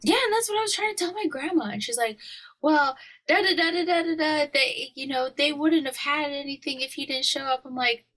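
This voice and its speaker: Her voice sits high, brisk and fairly bright as this Hawaiian woman chats casually on a podcast she co-hosts. Opinionated and full of slang, she laughs a lot throughout the conversation.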